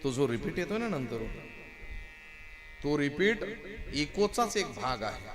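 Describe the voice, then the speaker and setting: Animated male kirtan storyteller. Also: fairly high pitch, unhurried, music in the background. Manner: animated and theatrical, joking with the sound crew. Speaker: kirtan performer.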